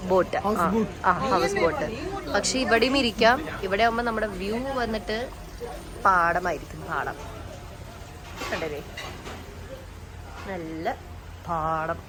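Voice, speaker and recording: A woman's voice: medium pitch, measured pace, pauses often, crowd noise. A woman with a Kerala Malayali accent chatting casually as a travel vlogger, mixing English words into her Malayalam. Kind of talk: casual travel vlog chat. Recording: very noisy outdoor vlog, vehicle sounds. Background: loud ambient and vehicle noise.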